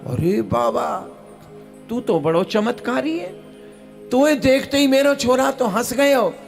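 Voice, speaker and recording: A man with a Braj accent voicing Yashoda, a worried village mother pleading softly for her baby, in a devotional storytelling sermon. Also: extremely high pitch, takes it slowly, vocal fry, faint music behind, full character voice. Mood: delighted.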